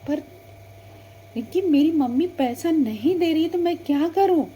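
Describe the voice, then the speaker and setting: A woman's voice: lively intonation, a little slow, mellow, a little hiss or hum. Woman doing a pleading young girl. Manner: pleading, higher-pitched. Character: timid girl who pushes back.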